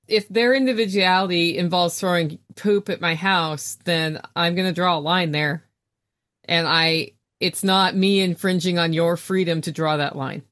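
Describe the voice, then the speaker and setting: A woman's voice: lowish voice, fairly bright tone. A woman talking casually and informally as an interview guest, speaking from inside a small camper trailer. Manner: informal, chatty, plain-spoken. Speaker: podcast guest, homesteader.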